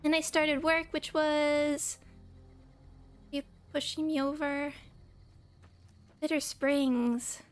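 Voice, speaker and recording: A young woman live-streams a game with a high voice and flat delivery, talking slowly with long pauses. She's a bit scratchy from a cold yet chatty and giggly, laughing often and greeting viewers by name as she chats casually.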